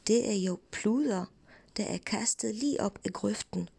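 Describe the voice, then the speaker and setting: A woman's voice: mid-range voice, vocal fry, dark tone, slightly rough, dry recording. A woman voicing two scornful older brothers who mock their foolish sibling. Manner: mocking.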